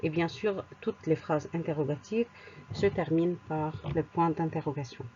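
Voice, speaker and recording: A woman teaching a grammar lesson, explaining rules slowly with spoken examples and occasional hesitant fillers. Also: low voice, highs cut off, noisy background. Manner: slow and deliberate, repeats words, hesitant fillers. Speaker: French teacher.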